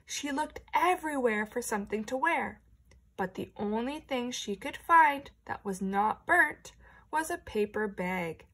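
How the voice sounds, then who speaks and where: Here the teacher's pitch runs somewhat high and her delivery is animated at a measured pace, carrying a breathy edge. She reads a picture book to young children, narrating with expression and dropping into whispered asides.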